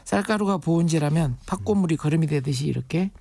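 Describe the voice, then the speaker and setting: A man's voice: on the high side, fast, vocal fry, mellow, no echo. A man on a radio show, a guest expert on urban farming, explaining patiently with everyday comparisons. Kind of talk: radio interview.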